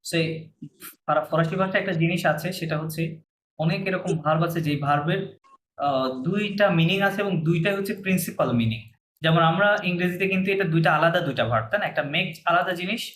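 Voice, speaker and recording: A man's voice: high-pitched, fairly bright tone, roomy sound, a little hiss or hum, rough recording. A man with a Bangladeshi Bengali accent teaching a French class over a video call, explaining patiently step by step.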